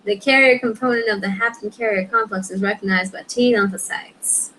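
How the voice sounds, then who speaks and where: A young woman works through practice questions out loud. She reads each explanation in a plain, mid-pitched voice, then drops into quick muttered asides to herself. A faint hiss sits under the recording. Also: steady tone, rough recording. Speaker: student reviewing exam questions. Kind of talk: thinking aloud while studying.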